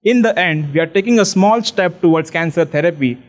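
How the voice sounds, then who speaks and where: A young adult graduate student delivers an earnest, memorized elevator pitch for his research, speaking a little fast. He uses a handheld microphone indoors in a large hall with glass walls.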